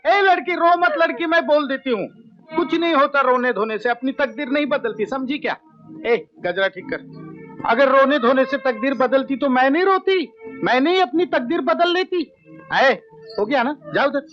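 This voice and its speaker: An actor playing a ruthless, domineering hijra brothel madam who taunts and bosses everyone around. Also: male voice. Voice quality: shrill, taunting, bossy. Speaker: brothel keeper. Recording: muffled film audio with loud music.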